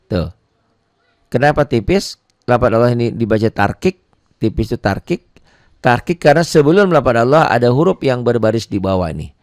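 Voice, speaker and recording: A man teaching beginners Quran recitation rules, patiently repeating points, asking and answering his own questions, and chanting phrases slowly between plain explanations. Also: mid-range voice, lively intonation, dry recording, studio quality. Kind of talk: beginner tajwid lesson.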